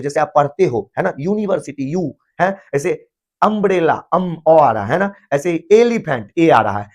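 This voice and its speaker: A man teaching English grammar, asking questions and answering them himself and spelling words out letter by letter. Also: fairly high pitch. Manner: explains step by step, asks and answers his own questions; voices students' doubts. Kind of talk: classroom-style Hindi lesson.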